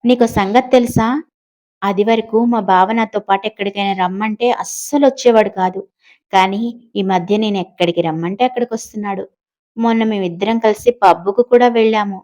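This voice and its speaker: A woman's voice: mid-range voice, a little mellow, close to an everyday voice. Woman putting on a scheming, mocking young woman. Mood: boastful. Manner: boastful, mocking, quick to anger.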